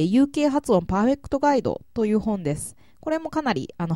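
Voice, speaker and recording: A woman hosts a language-learning show and answers listener questions. She is polite and measured and often pauses on fillers, and her pitch moves in a lively, animated way. She is recorded close and dry, with no room sound. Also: no room sound. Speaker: English learning podcast host.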